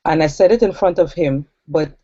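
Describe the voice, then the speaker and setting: A woman's voice: sits low, warm tone, no echo. A woman in her forties from Trinidad, earnestly telling her personal story as an interview guest. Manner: earnest, reflective, with pauses and fillers. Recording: dull lo-fi sound.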